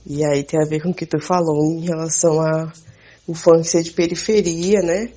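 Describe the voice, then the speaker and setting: A woman hosts a podcast interview with a husky, mellow voice pitched a little low. She talks conversationally and ends many of her sentences with tag questions. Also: fairly even intonation, normal speed. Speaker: podcast host. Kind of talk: casual interview talk.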